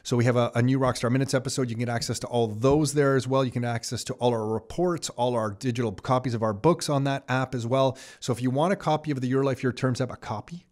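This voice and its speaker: A man's voice: mid-range voice, quick pace, few pauses, a little mellow. A man hosting a podcast in a chatty way, repeating key points as he talks. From Canada. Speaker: podcast host. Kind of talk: casual podcast talk.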